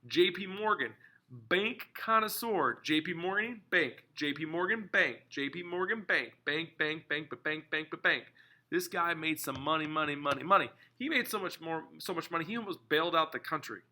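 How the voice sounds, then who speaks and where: An energetic man lectures as a history teacher, drilling key terms by repeating them over and over. His voice is bright and forceful, and it sits a little above the usual pitch for a man. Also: moderate pace. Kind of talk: classroom lecture video.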